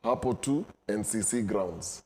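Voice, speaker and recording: A man's voice: fairly low pitch, lively intonation, crowd noise. A man co-hosting a chat show, reading a viewer's comment aloud and joking with the guest. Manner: reads out a viewer's post deliberately, jokes with guests. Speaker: co-host. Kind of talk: casual talk show chat.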